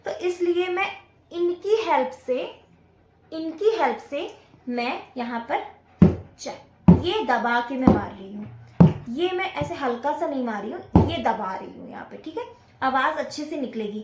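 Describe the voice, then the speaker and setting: A woman's voice: sits high, expressive, unhurried, roomy sound, heavy background noise. A woman teaching dholak to beginners, explaining patiently step by step and counting the beats aloud as she plays. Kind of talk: casual music lesson. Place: indoor room with dholak drum playing.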